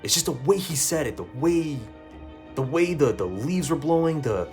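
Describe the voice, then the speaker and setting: Male gaming YouTuber, casual and excitable, swears a lot, repeats himself, faint music underneath. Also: on the high side, normal speed. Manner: excitable, swears freely, stumbles and repeats words. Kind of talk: casual game review monologue.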